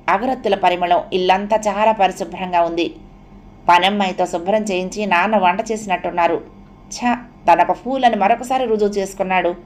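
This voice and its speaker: A woman storyteller reading an audio novel aloud in a steady, measured way. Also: mid-range voice. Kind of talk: scripted audio novel narration.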